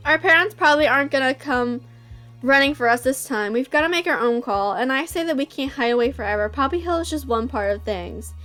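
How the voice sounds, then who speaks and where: A woman voicing a gentle young adult man, soft and earnest, while reading a visual novel aloud. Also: sits high, a little fast, faint music behind. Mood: tender.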